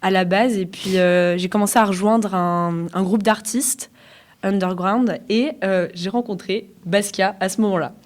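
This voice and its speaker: A woman's voice: mid-range voice, steady tone, a little slow, natural voice. A woman playing the male artist Keith Haring in an improvised radio role-play, casual and hesitant. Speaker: student role-playing an interview.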